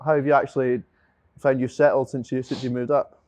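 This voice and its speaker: A man hosts a relaxed chat at a middling pitch. He teases his guest with easy banter. The sound is dry and close. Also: a little fast, dry recording. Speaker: host, rugby player. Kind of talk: casual chat.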